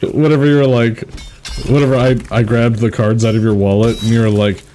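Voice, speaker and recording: A man's voice: medium pitch, flat delivery, a little fast, warm tone, a little hiss or hum. A man chatting casually with a co-host while streaming a game, joking and laughing often. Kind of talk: casual gaming stream chat.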